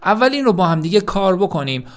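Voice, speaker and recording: A man's voice: high-pitched, big pitch swings. A man teaching a language lesson with lots of energy, talking to his students directly and repeating key words for emphasis.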